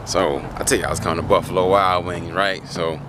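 Man, young adult, casual vlog, slangy animated storytelling, noisy car recording. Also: fairly quick. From South Carolina. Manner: animated storytelling, slangy, rising pitch when indignant. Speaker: vlogger.

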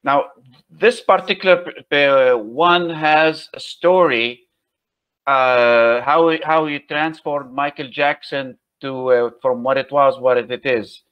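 A man hosting an interview, asking questions in a halting way and repeating words as he goes. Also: medium pitch, fairly even intonation, clear, resonant tone. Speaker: host. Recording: dull lo-fi sound.

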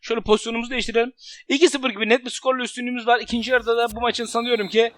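Gaming host, young man, excitable play-by-play caller who yells and swears, rapid delivery. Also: extremely high pitch. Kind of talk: excited football game commentary.

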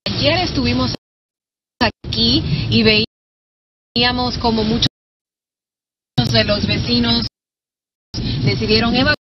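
A woman's voice: a little high, fairly even intonation, slow, long pauses. A young woman field reporter giving a live report from inside a car. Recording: muffled, distant, loud vehicle noise.

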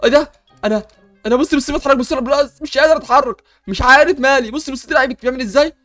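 Frantic fast-talking Egyptian man. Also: very high voice, fairly bright tone, soft background music. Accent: Egyptian Arabic. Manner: frantic, comic panic and bluster. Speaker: game role-play host. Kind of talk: improvised game role-play.

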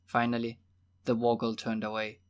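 Man, audiobook narrator, steady measured reading, mid-range pitch. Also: clean tone. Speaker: audiobook reader.

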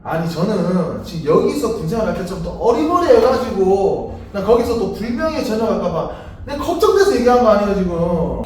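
Petty, bullying sergeant major played by a man for military comedy; very high voice, swooping, scolding delivery, distant mic. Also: sing-song, a little fast, a little mellow. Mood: sneering, condescending. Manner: barking, scolding, swearing constantly. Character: bullying, foul-mouthed, petty older-ranking army sergeant major. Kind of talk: military comedy skit acting. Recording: very echoey, distant mic, faint noise.

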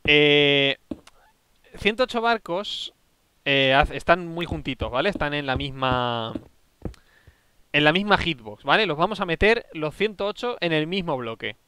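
Bright, lively man explaining gameplay. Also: a little high, measured pace, smooth. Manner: bossy, explains at length, teasing. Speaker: gaming YouTuber. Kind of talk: casual gameplay chat.

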